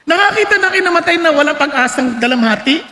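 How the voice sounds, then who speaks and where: A man preaching an animated sermon, mixing in English and shouting scripture for emphasis. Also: extremely high pitch, fast, reverberant, long reverb tail.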